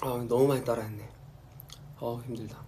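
A man's voice: normal speed, a little hiss or hum. A man in his twenties chatting casually on a livestream, telling stories and acting out fans in squealing voices. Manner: animated, acts out fans' voices in high squeals. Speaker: idol livestream host. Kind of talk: casual chat. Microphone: phone or camera livestream.

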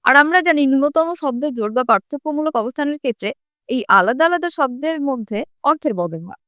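A woman's voice: sits high, lively intonation, quick pace, a bit bright, no echo, studio quality. A woman teacher explaining a grammar lesson step by step, often asking her students questions and then answering them herself.

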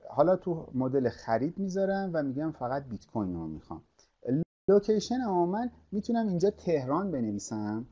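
A man's voice: fairly high pitch, muffled recording. Hesitant man teaching a screen-share lesson. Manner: hesitant, many fillers and restarts, thinking aloud while clicking. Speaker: online course instructor.

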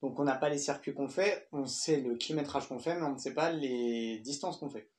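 A man's voice: medium pitch, moderate pace. A young man talking casually through a smartwatch review, chatty and loose, with fillers and the odd swear word. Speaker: tech reviewer. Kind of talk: casual tech review vlog.

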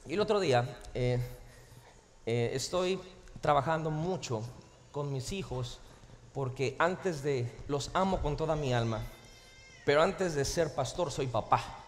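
A man preaching a sermon as pastor to a live congregation, animated and jokey, swinging between loud and soft. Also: on the high side, unhurried, pauses often, slight background noise. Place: large church hall with live audience. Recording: reverberant live hall recording.

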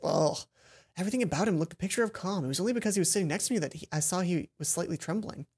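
Game music plays as a young let's play streamer reads a visual novel aloud on his headset mic. His voice is high-pitched, slightly mellow and a bit rough, and he speaks very fast. Playful and self-mocking, he stumbles over words in his asides.

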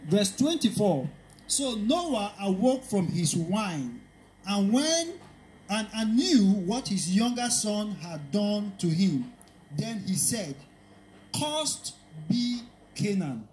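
Slow, careful male scripture reader. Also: sits high, a little hiss or hum, poor audio. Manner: steady, careful reading, calls out verse numbers. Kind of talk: reading Bible verses aloud.

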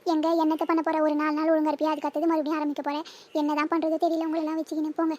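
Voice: high-pitched, monotone, racing, close to an everyday voice. Voice actor doing a scolding cartoon village mother. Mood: hurt, lecturing. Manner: scolding, lecturing. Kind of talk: cartoon voice acting.

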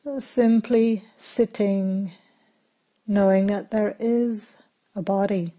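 Very slow and calm, a woman leads a guided meditation as teacher, her voice medium in pitch with a dark, relaxed quality. She gives gentle instructions in brief phrases, pausing at length between them.

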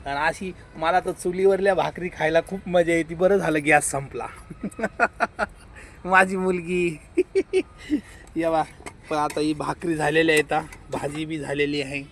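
A man's voice: fairly high pitch, level tone, moderate pace, a little hiss or hum. A man vlogging casually outdoors in a village yard, chatting to viewers and coaxing his animals. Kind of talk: casual village vlog chat.

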